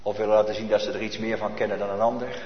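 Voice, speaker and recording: Impassioned preacher, echoing church hall. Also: male voice, little pitch movement, racing. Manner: swings between loud emphatic cries and hushed low asides. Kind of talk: sermon. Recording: echoey lo-fi church hall recording.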